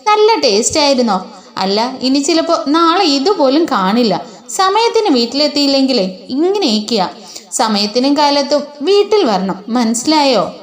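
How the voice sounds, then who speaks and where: Woman doing a feisty young wife with a cheeky comeback, high voice, roomy echo. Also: big pitch swings, moderate pace. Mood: retorting. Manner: firm, teasing.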